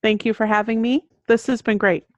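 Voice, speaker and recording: A middle-aged woman, guest author of children's books, talks fairly quickly in a steady, somewhat high voice while answering conversationally in an interview. There's no room sound, and the recording is dull and lo-fi.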